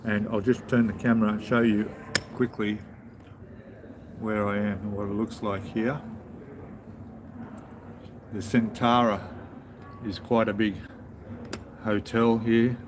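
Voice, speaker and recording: Aussie guy rambling on a live stream, lowish voice, noisy hotel lobby behind him. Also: slow, pauses often. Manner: relaxed, rambling, chats with viewers while eating. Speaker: travel vlogger. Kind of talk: casual live-stream chat. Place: large hotel lobby bar, indoors. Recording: steady background noise of a hotel lobby.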